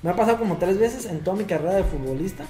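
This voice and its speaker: Fast slangy Mexican man. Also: sits high, expressive, mellow, roomy sound, faint music behind. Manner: slangy, joking. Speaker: podcast co-host. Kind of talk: casual chat.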